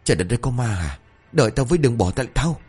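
Man voicing a grumpy older gang boss, snapping, scolding, lively. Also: mid-range voice, fast, slightly rough, faint music behind. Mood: gruff. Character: gruff older male gang boss, short-tempered.

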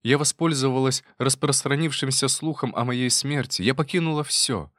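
A man's voice: mid-range voice, normal speed, fairly bright tone, no echo, clean studio sound, pitched above the performer's own voice, natural voice. A man voicing a tearful pleading wife.

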